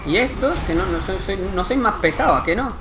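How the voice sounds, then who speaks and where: Young man, Spain Spanish accent, gameplay commentary, swings up and down in pitch, frequent cursing, faint game music behind. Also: a little fast. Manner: excitable, swears often, frustrated outbursts. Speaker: gaming youtuber.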